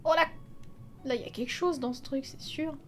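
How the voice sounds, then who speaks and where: Faint game music plays behind a young woman's chatty let's-play commentary, where she exclaims often and swears freely. Her voice sits high and runs fairly quick, and the recording has a little hiss or hum.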